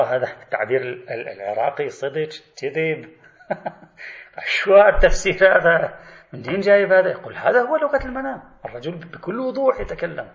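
A male lecturer, giving an animated spoken lesson on religious thought and acting out imagined questions to the theorist he discusses. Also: on the high side, gravelly. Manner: animated, voices imagined exchanges and asks rhetorical questions. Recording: echoey, slightly dull lecture recording.

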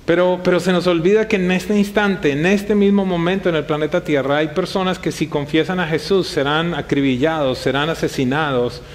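A man's voice: on the high side, fairly even intonation, fairly quick, few pauses. A male pastor preaching a sermon to his congregation, talking in a conversational way and throwing rhetorical questions at the room.

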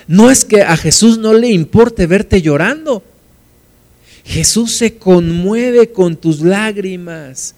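A man preaching a sermon, retelling scripture slowly and deliberately, dropping to soft quiet stresses. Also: high voice. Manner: storytelling retelling of scripture with acted quotes.

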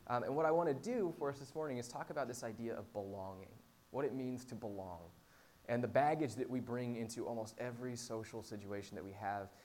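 This pastor talks to his small church congregation in a live sermon, using a mid-range, slightly mellow voice at a fairly quick pace. His delivery is casual and chatty, marked by self-deprecating humor. The recording carries clear background noise with a hum.

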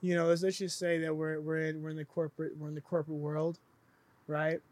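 Easygoing male actor, higher voice. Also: level tone, darkish tone, no room sound. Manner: easygoing, many "uh"s, spells things out slowly. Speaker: guest, actor. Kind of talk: casual chat.

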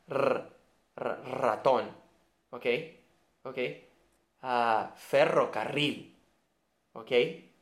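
A man with a Brazilian Portuguese accent teaching a video lesson, who patiently repeats each sound and keeps checking with the viewer. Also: a little high. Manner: often checks understanding with "ok?". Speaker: Spanish teacher.

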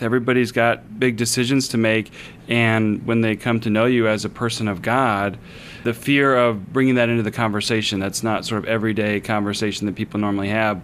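Male podcast host, mid pitch, reflective conversational manner, faint background noise. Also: a bit bright. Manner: brief affirmations, thoughtful reflections. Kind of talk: conversational interview.

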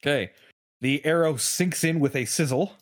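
A man's voice: fairly high pitch, normal speed. A man running a tabletop game as game master over an online call, his computer mic's noise gate chopping off the ends of his words. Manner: explains rules plainly, stops to look them up. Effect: noise gate chopping off word endings. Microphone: computer mic on an online call.

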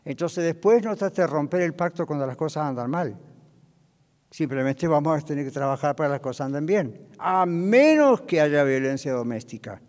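A man's voice: on the high side, fairly quick, darkish tone, in a large hall. An older man preaching a sermon as pastor, telling stories emphatically and acting out the dialogue.

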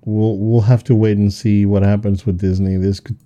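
A man's voice: fairly low pitch, little pitch movement, normal speed, warm tone. A man co-hosting a casual podcast chat, talking with many hesitant restarts and fillers. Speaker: podcast co-host.

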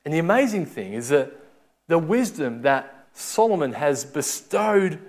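A man's voice: a little high, sing-song, a little slow, a little mellow. A man with a lisp giving a sermon, teaching from scripture in a conversational, informal way. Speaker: preacher giving a Bible talk.

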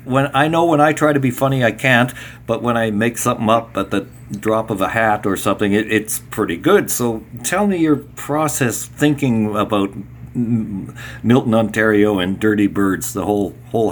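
A man's voice: lowish voice, moderate pace, slight background noise. Chatty male radio host. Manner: relaxed, chatty, laughs at his own slips. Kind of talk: interview and reading aloud.

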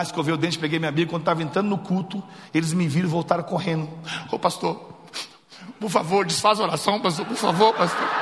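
A man preaching a sermon, telling a funny story and acting out the dialogue. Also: fairly high pitch. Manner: jokey, animated, acts out dialogue. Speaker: pastor. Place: church sanctuary. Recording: reverberant church hall.

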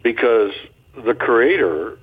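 An older man, a marriage counselor appearing as a radio guest, tells stories in a folksy, joking, animated manner. His medium-pitched voice is husky and unhurried, and the phone line makes it sound tinny.

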